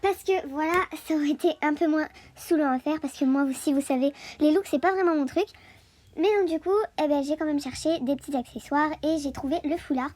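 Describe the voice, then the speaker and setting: A woman's voice: high voice, fairly quick, a little mellow. A woman giving a casual voice-over for her video, chatty and full of hesitations and fillers. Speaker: video host.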